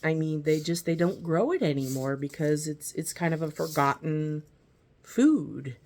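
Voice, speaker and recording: Slow, rambling gardening vlogger. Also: mid-range voice, a little mellow. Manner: rambling, filler-heavy, apologetic asides; reads seed-packet descriptions aloud. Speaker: gardening video host. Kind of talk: casual unboxing and seed review.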